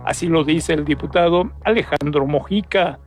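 A man's voice: on the high side, moderate pace. A man reading a scripted radio news bulletin as its presenter. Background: faint music.

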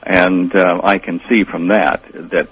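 A man's voice: sits low, little pitch movement, takes it slowly, fairly bright tone, slightly rough. A man speaking as a guest on a call-in radio show, heard over a phone line, talking hesitantly with many ums and restarts. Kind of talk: unscripted call-in talk. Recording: muffled phone line with faint hiss.

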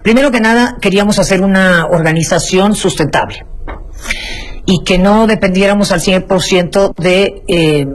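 A woman's voice: medium pitch, normal speed, a little hiss or hum, poor audio. A woman from Mexico City with a Mexican accent, a guest talking with enthusiasm and frequent restarts in an interview. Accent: Mexican Spanish. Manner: enthusiastic, many restarts and fillers. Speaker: guest, folk art shop founder. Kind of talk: conversational interview.

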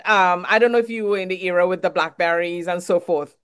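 A woman's voice: lowish voice, brisk, smooth. Friendly woman host from Trinidad. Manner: friendly, conversational questions. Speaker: interviewer host. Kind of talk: casual interview.

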